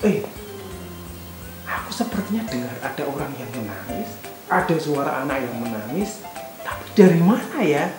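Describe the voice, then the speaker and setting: A woman's voice: rumbling low, sing-song, normal speed, long pauses, recorded from a distance, voice pushed down. A woman playing a kind policeman who wonders aloud where a sound is coming from. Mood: puzzled. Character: passing male police officer, puzzled and kind. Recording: echoey room with music behind.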